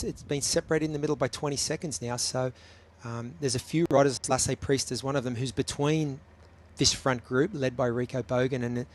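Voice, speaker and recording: A man giving live race commentary, analytical and chatty, with frequent ums between points. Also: medium pitch.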